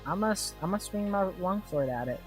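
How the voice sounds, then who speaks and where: A tabletop game player asking rule questions, thinking aloud with many pauses and fillers. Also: mid-range voice, animated, soft background music. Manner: slow, hesitant, thinking aloud. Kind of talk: casual chat in a tabletop game.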